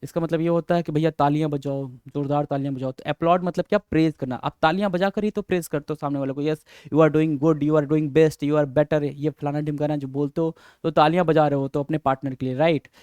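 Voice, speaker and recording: High-voiced teacher. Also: male voice, fairly even intonation, a little fast, few pauses, a little mellow, smooth, dry recording. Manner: mixes Hindi and English, calls students "beta" and "sir", repeats himself. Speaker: English teacher. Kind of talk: Hindi-English grammar lesson.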